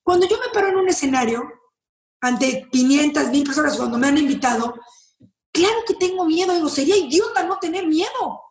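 A woman with a Mexican accent, a guest telling her story in an interview, blunt and expressive, swearing freely. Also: sits high, brisk, reverberant. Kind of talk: candid interview talk.

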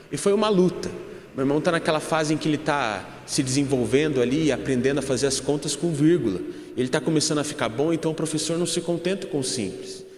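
A man's voice: fairly high pitch, echoey room, in a large hall. A young Brazilian man giving a humorous church testimony, telling a story and addressing the congregation as brothers. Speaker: church speaker.

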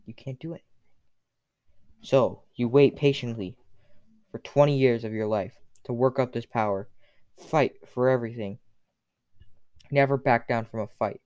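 A man's voice: mid-range voice, moderate pace, pauses often, darkish tone, no echo. A man telling a second-person story in a casual, unscripted way, with fillers.

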